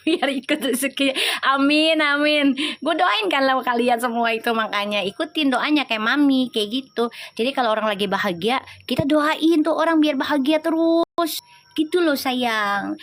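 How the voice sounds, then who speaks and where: A woman's voice: sits high, fairly bright tone. A woman reading tarot on a livestream, chatting in slang and teasing her viewers. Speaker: tarot reader.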